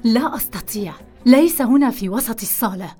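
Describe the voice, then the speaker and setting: A woman's voice: fairly high pitch, lively intonation, a little fast, darkish tone, soft background music. A woman playing a stubborn young nurse. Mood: urgent. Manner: urgent, insistent. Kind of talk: audio drama acting.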